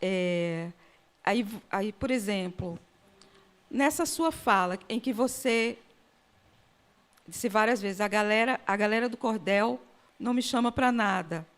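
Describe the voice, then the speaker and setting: A woman mediating a literary conversation, asking long questions with frequent pauses and hesitations. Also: medium pitch. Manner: hesitant, many fillers and restarts. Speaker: interviewer, mediator.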